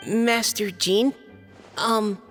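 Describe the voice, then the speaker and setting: An actor voices an earnest young male knight reading a formal letter aloud, carefully and steadily, halting when flustered. His high, slightly bright voice is exaggerated, with fairly even intonation. It comes from a game cutscene with reverb and music.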